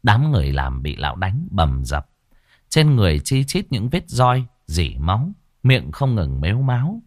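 Expressive low-voiced male storyteller. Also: moderate pace, no echo, clean studio sound. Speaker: narrator. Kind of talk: audiobook story narration.

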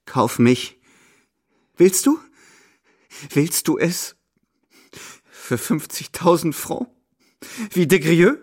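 A man's voice: big pitch swings, fairly quick, hardly any pauses, husky. A male reader voicing a bitter, volatile young woman with a scornful, hissing manner in a dramatic audiobook reading. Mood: desperate. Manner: hissing, scornful, pitch climbing high.

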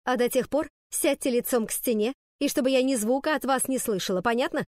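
A woman voicing a strict female school teacher who shouts commands loudly. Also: sits high, brisk, no room sound, clean studio sound, voice pushed up, close to an everyday voice. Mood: furious. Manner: loud, commanding.

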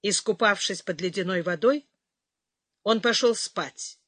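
Woman narrating an audiobook, slow and even, bright clear tone, dry close sound, lively pitch. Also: no room sound. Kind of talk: scripted narration.

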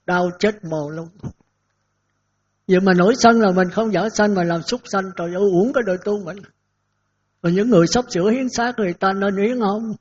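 A man's voice: high-pitched, brisk, slightly rough. An older man, a Buddhist monk, giving a folksy sermon, telling stories and acting out dialogues with chuckles. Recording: dull lo-fi recording.

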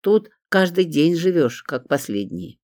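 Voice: medium pitch, very animated, a little slow, darkish tone, no room sound, clean studio sound, voice pushed up. A reader voicing a grumpy, nagging elderly woman of seventy-one in an audiobook. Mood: grumbling. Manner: grumbling, complaining. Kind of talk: audiobook character voice.

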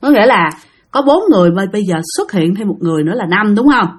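A woman's voice: medium pitch, expressive, fast, husky. A woman casually telling a ghost story, chatting straight to her listeners.

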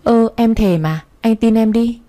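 A woman's voice: a little high, measured pace, warm tone, pitched above the performer's own voice, close to an everyday voice. A woman voicing a middle-aged mother who scolds her daughter yet fears her husband. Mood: scolding, anxious.

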